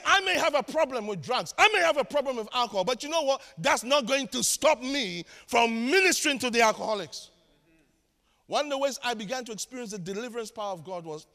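A Ghanaian pastor preaches a sermon in a large church, his high, bright voice carrying a forceful edge. He tells stories with self-mocking humor, swinging between shouted lines and quiet asides, while long hall reverb trails his words.

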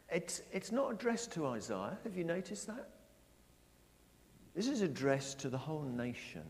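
A middle-aged man preaching a sermon, asking his congregation questions and stressing his words slowly. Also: on the high side. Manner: lively, questioning the congregation, slow emphatic phrasing. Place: church. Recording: long church reverb.

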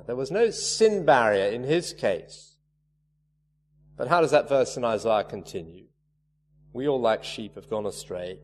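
A man's voice: medium pitch, a little mellow. A man preaching a sermon, earnest and emphatic, leaning hard on key words. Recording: reverberant hall, faint hum.

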